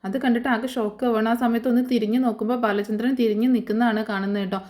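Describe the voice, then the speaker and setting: Fast-talking woman recapping a serial. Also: a little high, fairly even intonation, a little mellow. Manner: chatty, adds friendly tag words to sentences. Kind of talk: casual retelling of a TV serial episode.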